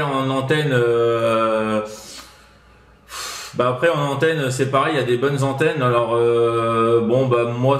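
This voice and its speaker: Heard through a roomy echo, this mid-range male voice with a French accent from France belongs to a CB radio operator offering advice. His casual talk wanders and hesitates, packed with tag words.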